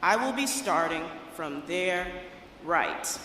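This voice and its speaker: A woman's voice: fairly low pitch, lively intonation, takes it slowly, bright, forceful tone. A woman reading a formal scripted announcement as master of ceremonies at a military event. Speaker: master of ceremonies, Navy officer. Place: large indoor drill hall. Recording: very echoey hall, distant, faint noise.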